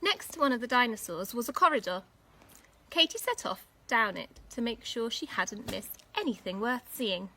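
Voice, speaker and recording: A woman with a slightly high, animated voice, bright and forceful in tone, performs a children's story for a school audience. She reads with dramatic, carefully paced phrasing meant for young children.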